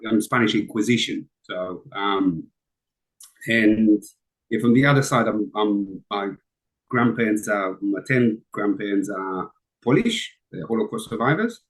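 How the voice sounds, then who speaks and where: On a rough recording, a middle-aged guest from Israel talks in an easygoing, conversational way. His voice is lowish and his pace measured, and he often hesitates, restarting sentences and saying um.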